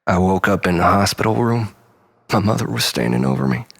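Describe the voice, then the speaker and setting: A man delivers a theatrical first-person monologue as a storyteller, melodramatic and swinging between exclamations and breathy hushes. His voice sits low and is sing-song, with a slightly fast pace.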